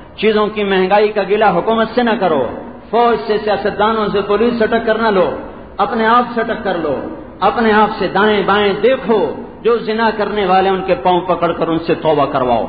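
Older man preaching in an echoey hall. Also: high voice. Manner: slow drawn-out Arabic recitation, vivid storytelling with acted quotes. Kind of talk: sermon. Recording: dull, echoey hall recording with faint hiss.

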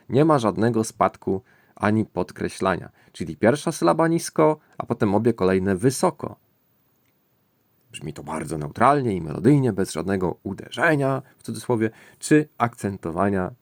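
A man with a low, gravelly voice walks through a language point in a thoughtful, musing way, stopping now and then to search for the right word. The sound is close and dry, with no room around it. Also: big pitch swings, normal speed, dry recording. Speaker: language-learning channel host. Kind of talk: explanatory screen-recording lesson.

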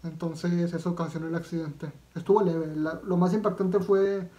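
A man's voice: on the high side, fairly even intonation, moderate pace, mellow. A man with a Mexican accent doing casual reaction commentary as a video vlogger, talking in a slangy, profane way with lots of fillers and restarts.

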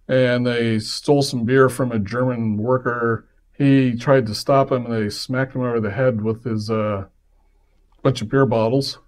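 A man hosting a podcast, telling a personal story casually and acting out the voices of the people in it. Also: medium pitch. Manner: lively, acts out quoted voices in his stories. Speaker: podcast host.

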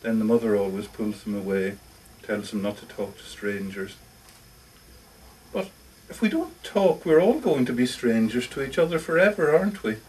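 At a live bookshop reading, a man reads aloud a first-person short story monologue in the role of a lonely, socially awkward older lodger who confides hesitantly and defensively, correcting himself as he goes. His medium-pitched voice is natural and a little mellow at a normal speed, with a rejected, wistful mood. The low-quality recording is made from a distance and carries slight background noise.

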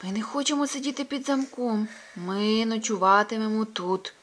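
A woman doing shrill squawking storybook hens. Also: normal speed, a bit bright. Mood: defiant. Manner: clamoring, panicky. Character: flustered squawking hens, a female flock.

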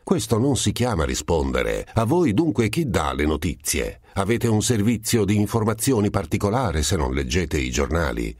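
A man's voice: sits low, very animated, normal speed, hardly any pauses, a little mellow, slightly rough, no room sound, clean studio sound, voice pushed up, heavily acted. A man voicing a middle-aged monk who questions his rival pointedly, in an audiobook reading. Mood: challenging.

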